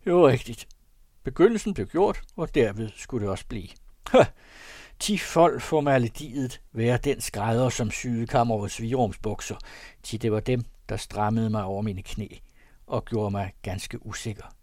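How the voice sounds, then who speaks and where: A man's voice: fairly low pitch, darkish tone, no echo, clean studio sound. Theatrical male audiobook reader. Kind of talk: expressive reading of an old first-person tale.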